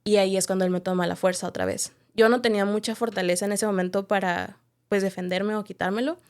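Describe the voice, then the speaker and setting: A woman appears as a podcast guest, sharing a candid, reflective personal testimony and often closing her thoughts with a questioning "right?". Her medium-pitched voice is fairly even, quick, a little mellow and clean.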